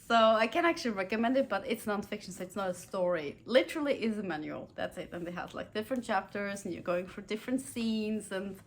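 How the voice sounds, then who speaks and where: A young native German speaker chats about books she's read in a casual review vlog, giggling often and filling her speech with fillers and restarts. She talks at medium pitch, slightly quickly.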